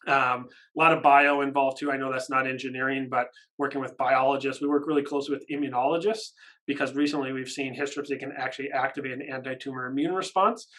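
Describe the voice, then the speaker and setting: A man in his thirties talks informally about research as a professor taking questions. His pitch sits in the middle range. He sounds keen and caffeinated, pushing out phrases in emphatic bursts. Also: fairly bright tone. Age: 30s. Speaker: university professor and research lab head. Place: small office, indoors.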